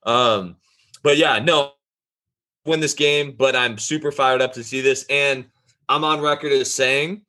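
Bright-voiced, fired-up sports co-host man. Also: mid-range voice, measured pace. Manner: energetic and enthusiastic, talks in long runs. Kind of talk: casual sports chat.

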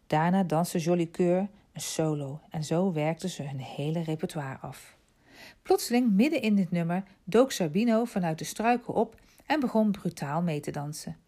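A woman narrating a storybook aloud in a calm, soft-spoken way. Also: lowish voice, normal speed.

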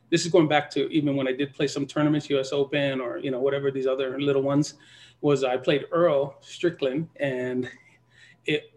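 A man telling pool gambling stories in a casual chat, full of "you know" fillers and acted-out lines from other people. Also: creaky. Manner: animated, acts out other people's lines in a high voice. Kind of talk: casual storytelling.

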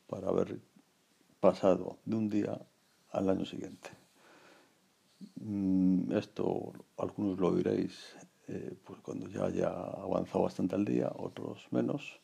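Man around 60, very low pitch, dark tone, reflective casual monologue. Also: vocal fry, husky. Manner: rambling, reflective, many fillers and restarts. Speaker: podcast host.

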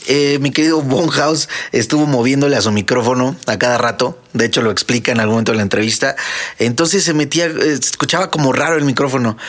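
Mexican male podcast host, relaxed slangy talker, average pitch. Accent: Mexican Spanish. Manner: chatty, slangy, quick asides. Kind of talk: casual chat.

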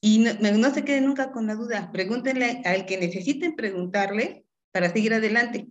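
A woman's voice: on the high side, brisk. A woman professor from Mexico with a Mexican Spanish accent, answering interview questions in an encouraging way, often laughing and checking "¿sí?". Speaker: chemistry professor.

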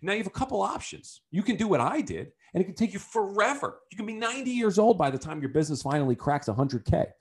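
A man hosting a podcast, telling a story in a casual, animated way. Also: high-pitched, quick pace, few pauses, slightly rough. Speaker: podcast host. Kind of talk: storytelling monologue.

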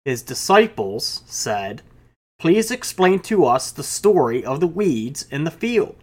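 A man's voice: on the high side, sing-song, slow pace. A male pastor preaching a sermon, reading scripture aloud and explaining it with casual asides.

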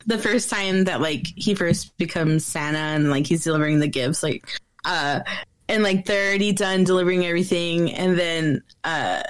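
A woman's voice: on the low side, normal speed. A young woman co-hosting a podcast, giggling as she retells favorite movie scenes and swearing now and then. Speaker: podcast co-host. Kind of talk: casual chat about a movie.

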